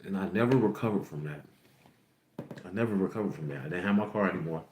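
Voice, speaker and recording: A young podcast host in his twenties tells his livestream viewers a candid personal story, rambling and repeating himself. His low voice moves fast and sounds slightly mellow, captured in an echoey room with a faint hiss or hum.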